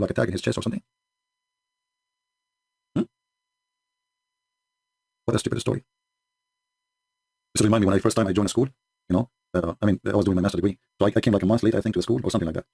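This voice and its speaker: A man's voice: on the low side, vocal fry, a little mellow, husky. A man whose first language is not English, hosting a livestream and mocking his opponents sarcastically, with frequent laughs and broken English. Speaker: host.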